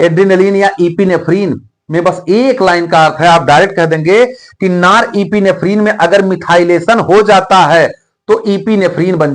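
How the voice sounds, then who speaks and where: Male biology teacher, higher pitch; repeats terms, quizzes and answers himself, shares memory tricks. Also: fairly bright tone. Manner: asks questions and answers them himself, repeats key terms. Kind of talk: explaining a biology lesson.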